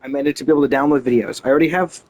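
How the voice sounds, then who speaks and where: A very fast man with a darkish, mid-range voice and fairly even intonation chats on a game livestream, with slight background noise. He rambles, cuts himself off, and grumbles in slang with mild exasperation.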